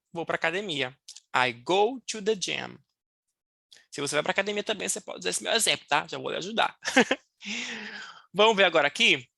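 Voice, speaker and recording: A Brazilian woman with a Brazilian Portuguese accent, casually teaching English words and slowing down to drill them playfully. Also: sits low, vocal fry, bright, forceful tone, dry recording, clean studio sound. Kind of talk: casual online English lesson.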